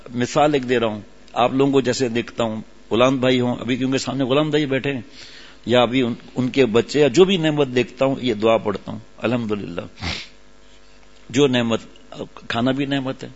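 A man's voice: mid-range voice, steady tone. An older man preaching to a seated gathering in a storytelling way, with asides to his listeners. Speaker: religious preacher. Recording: dull lo-fi audio.

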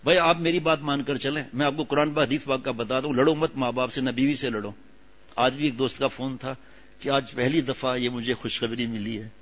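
A man preaching an informal sermon, telling stories in a conversational, scolding and joking way and reciting verses slowly. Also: medium pitch, fairly even intonation, fairly bright tone. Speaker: religious preacher. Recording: dull lo-fi radio recording.

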